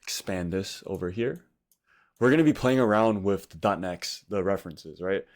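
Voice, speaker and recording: A man's voice: low voice, moderate pace. A man in his twenties with a slight lisp from wearing a retainer, giving a casual coding tutorial in informal, slangy, broken phrases. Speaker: tutorial host.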